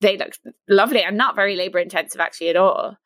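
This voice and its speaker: A woman co-hosting a casual podcast, talking fast and enthusiastically about recipes with frequent laughter. Her voice sits at a middling pitch and is recorded close and dry, with no room sound. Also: no room sound. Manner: chatty, enthusiastic, laughs often. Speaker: podcast co-host. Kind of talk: casual chat.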